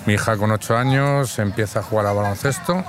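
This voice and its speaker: A man's voice: fairly low pitch, fairly quick. A man in his fifties with a Madrid Spanish accent, talking reflectively in an interview with some hesitations. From Spain. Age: 50s. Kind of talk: casual interview talk. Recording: outdoor street noise with traffic.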